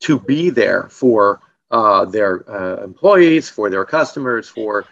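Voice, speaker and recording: A male interviewer reflecting on what his guest said, pausing to find his words as he draws the ideas together. His voice comes through dull and muffled, as over lo-fi audio. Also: fairly low pitch, animated, gravelly, a bit bright. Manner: thoughtful, searching for words as he sums up. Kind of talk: casual interview chat.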